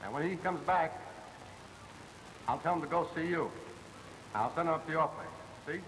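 A man's voice: a little high, moderate pace, lightly acted. An actor playing a blunt, streetwise male fence who talks in tough slang. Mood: conspiratorial. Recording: hissy old film soundtrack with long reverb.

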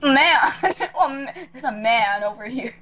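High giggly girl rambling over a game call, super bouncy, crowd noise behind. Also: lively intonation, unhurried. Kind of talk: casual gaming chat over voice call.

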